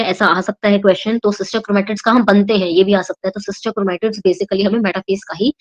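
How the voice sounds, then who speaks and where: Over poor audio, a young woman from India teaches biology for exam preparation, moving through the material one step at a time. She speaks at a medium pitch, blends Hindi with English, and pauses after each point to check on her students.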